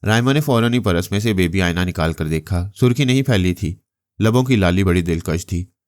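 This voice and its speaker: A male storyteller reading a novel aloud in a steady, measured way. His voice is very low and deep. The recording is dry and close, with no room sound. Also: no echo. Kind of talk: audiobook novel narration.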